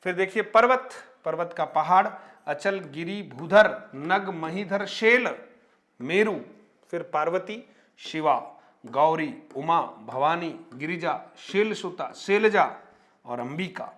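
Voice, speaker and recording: A man with a fairly bright, high-leaning voice teaches a Hindi grammar lesson for exams in an animated but slow-paced way. He rattles off synonym lists, pausing to mark new words and their spellings, and speaks to viewers as friends with many tag questions.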